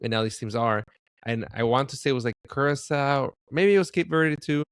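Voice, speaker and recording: A man's voice: medium pitch, a little fast, smooth, no echo. A man co-hosting a soccer podcast, speaking hesitantly and filling his sentences with "like.". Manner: hesitant, heavy use of "like". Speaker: podcast co-host. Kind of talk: casual chat.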